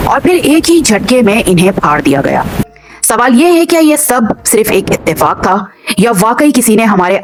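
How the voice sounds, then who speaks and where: A woman narrates a scripted documentary voice-over in a slightly low voice. Her delivery is measured and grave, with a dramatic edge. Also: a little mellow.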